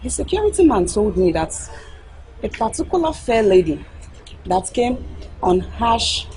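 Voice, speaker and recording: A woman's voice: a little high, very animated, a little slow, a little mellow, faint music behind, poor audio. An actress with a Nigerian accent playing a blunt best friend who scolds and warns her friend. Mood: scolding.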